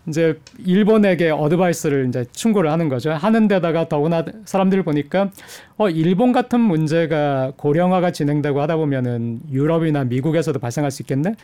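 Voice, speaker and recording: Thoughtful middle-aged man, mellow tone. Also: a little high, smooth. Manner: measured, thoughtful, with frequent hesitation fillers. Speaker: economics professor, studio guest. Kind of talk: explanatory interview answers.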